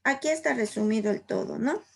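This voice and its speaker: A woman's voice: fairly high pitch, creaky, darkish tone, breathy edge. A woman teacher explaining literary figures in a patient lesson, often checking in with her students and repeating her points. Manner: repeats "por favor" and "¿sí?", explains slowly with examples.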